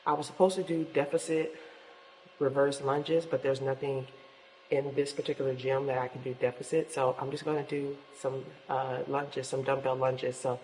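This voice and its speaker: A woman's voice: extremely low pitch, little pitch movement, moderate pace, darkish tone. A woman talking casually and encouragingly to viewers as a fitness vlogger, recorded in an echoing gym. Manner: encouraging, addresses viewers directly. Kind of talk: casual motivational vlog talk to viewers. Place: indoors in an apartment building gym. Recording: echoing gym, long reverb, faint noise.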